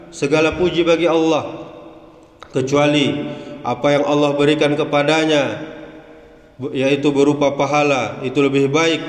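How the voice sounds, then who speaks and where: A man preaches in a large mosque hall, his voice carried by a long, roomy reverb. He talks in short, measured phrases at a middle pitch, sometimes easing into a sung, chanting lilt. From West Sumatra, Indonesia. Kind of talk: dawn mosque sermon.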